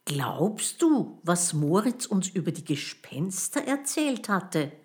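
A woman voicing an excitable, anxious young boy who speaks in eager, jumpy exclamations. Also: on the low side, slow, husky, heavily acted. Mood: excited.

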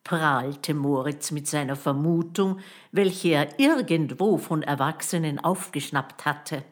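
Low, slow-reading woman storyteller. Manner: expressive, measured storytelling. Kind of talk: reading a children's story aloud.

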